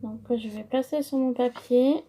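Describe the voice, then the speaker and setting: Brief: French woman, high mellow voice, unhurried, hesitant craft-tutorial host. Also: fairly even intonation, a little hiss or hum. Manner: slow, hesitant, many fillers.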